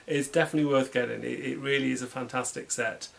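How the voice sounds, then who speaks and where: A British man giving a casual, unhurried product review at home, chatty and self-deprecating. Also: mid-range voice, fairly even intonation, vocal fry. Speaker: toy set reviewer. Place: home, at a tabletop.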